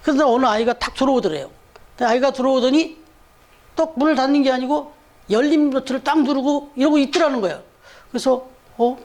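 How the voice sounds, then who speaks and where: On a Sunday in church, a male pastor preaches conversationally, throwing rhetorical questions at the congregation. His voice is very high-pitched and quick.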